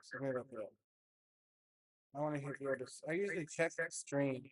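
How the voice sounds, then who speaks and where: A young man chats casually while setting up a stream at home, rambling and hesitating with plenty of fillers into a desktop mic. His voice is medium-pitched and brisk, with no room sound.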